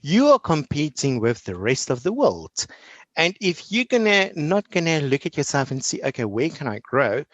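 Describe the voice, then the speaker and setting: A man's voice: on the high side, normal speed, dry recording, muffled recording. A man, an online English teacher, chatting as an interview guest and acting out classroom exchanges with lots of energy. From South Africa. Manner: energetic, animated storyteller acting out classroom dialogue. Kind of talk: casual interview chat.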